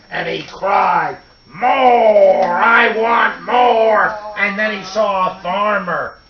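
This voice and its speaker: An older man reading a picture book aloud to his grandchildren, slow and emphatic with sound effects. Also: a little high, vocal fry, bright, forceful tone, slight background noise. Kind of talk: storybook read-aloud. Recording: roomy, distant, dull home recording.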